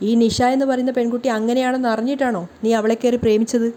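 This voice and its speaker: Woman doing angry sarcastic young guy from a serial recap, mellow tone. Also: fairly high pitch, flat delivery, fast talker, natural voice. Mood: scolding. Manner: sarcastic, scolding. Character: angry scolding young man, Kiran.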